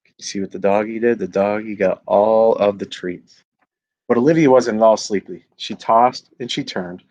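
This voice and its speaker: A school superintendent reading a children's bedtime story aloud, with relaxed, chatty asides between passages. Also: male voice, on the low side.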